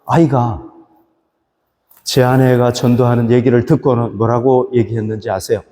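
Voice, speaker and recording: A man's voice: medium pitch, flat delivery, normal speed, warm tone, big-room sound. A male pastor preaching a sermon, asking rhetorical questions and rising for emphasis. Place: church hall.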